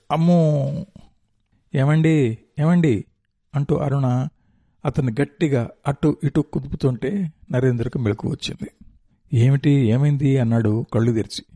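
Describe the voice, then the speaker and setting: A man reading a dramatic story aloud, intense and measured, with slow pauses. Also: medium pitch, dark tone, slightly rough, no room sound. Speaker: narrator.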